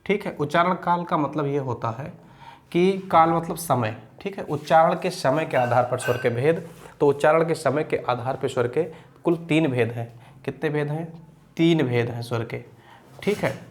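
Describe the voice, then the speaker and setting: A young male teacher giving an exam-prep grammar lesson, repeating key phrases, checking in with listeners, and reciting rules slowly. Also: a little high, a little hiss or hum. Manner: recites Sanskrit sutras slowly.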